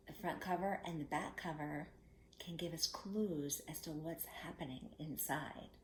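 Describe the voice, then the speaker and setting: A woman storyteller reading a fairy tale to children in expressive storybook narration, as in a fairy tale opening, with friendly asides to the listeners. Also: low-pitched, slight background noise. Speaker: storyteller, children's read-aloud host. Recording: echoey room.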